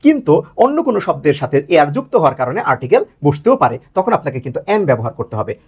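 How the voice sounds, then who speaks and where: A male teacher explains grammar to his students in a quick, animated voice that jumps up and down in pitch. His voice is slightly husky, and he keeps posing questions, then answering them himself, repeating key words to drive them home. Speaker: English teacher.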